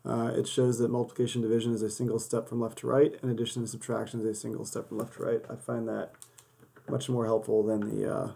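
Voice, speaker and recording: A man delivers a casual worked-example math lesson step by step, losing his voice along the way. He talks fast at medium pitch in a completely flat manner, warm-toned with vocal fry. A camera over the desk films his paper and hands.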